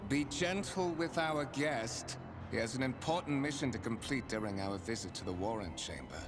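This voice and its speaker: An actor playing a scheming, menacing video game villain who delivers theatrical, drawn-out monologues with smug mock courtesy. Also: male voice, mid-range voice, expressive, close to an everyday voice. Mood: mocking delight. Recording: loud music under the voice.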